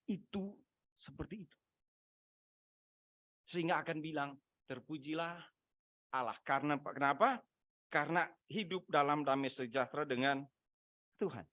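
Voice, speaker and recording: A man preaching a sermon over a video call, swinging between loud emphatic lines and quiet asides, often asking his listeners rhetorical questions. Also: a little high, no room sound. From Manado, Indonesia. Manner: asks the congregation rhetorical questions. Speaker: pastor.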